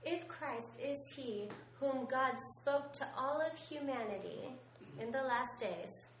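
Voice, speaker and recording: A woman interpreting a sermon at a slow pace, her voice a little high. She hesitates often with fillers, and the recording is echoey with faint noise.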